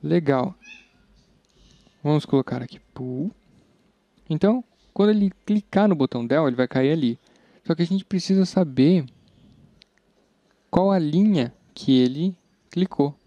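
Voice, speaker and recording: Speaking with a Brazilian Portuguese accent, a programming instructor records a casual screen-capture tutorial, chatting informally and thinking out loud as he goes. His fairly high, warm voice is animated yet a bit slow, broken by frequent pauses. The audio is dry, dull and slightly lo-fi.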